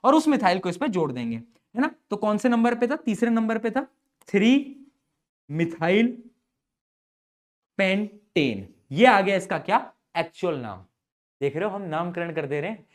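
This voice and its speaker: A man's voice: high voice, very animated, a little slow. A young adult man teaching chemistry in a playful, chatty way, joking with his students. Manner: playful, chatty, calls students beta and bhai. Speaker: chemistry tutor. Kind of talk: chalkboard-style lesson explanation.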